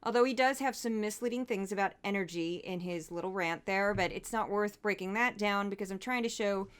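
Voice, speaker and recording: A woman's voice: medium pitch, fairly quick, smooth. A woman hosting a commentary show, breaking down news clips in a wry, exasperated, conversational way.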